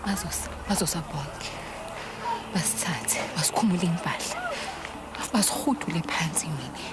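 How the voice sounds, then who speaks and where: A woman's voice: fairly low pitch, big pitch swings, normal speed, very noisy. An actress playing a frightened young woman in a TV drama, speaking urgently and pleading, often dropping to a whisper. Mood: urgent, fearful. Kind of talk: TV drama acting.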